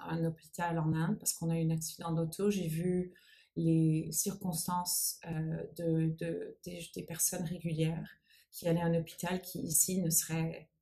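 In an interview, a nonprofit founder in her forties answers questions thoughtfully in French, her English accent showing since English is her first language, and she searches for her words. Her voice is low-pitched and creaky with a dark tone, level in delivery and measured in pace.

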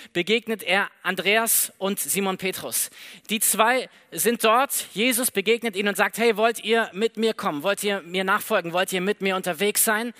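A man preaching a sermon in a lively, conversational way, acting out the dialogue of the story as he tells it. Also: sits high. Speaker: pastor.

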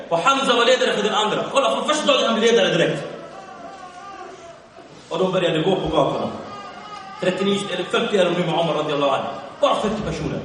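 A man telling an Islamic history story as a sermon, acting out the quotes with loud and soft swings and mixing Arabic phrases into his Swedish. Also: high-pitched, slight background noise. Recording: echoey hall, voice from far off.

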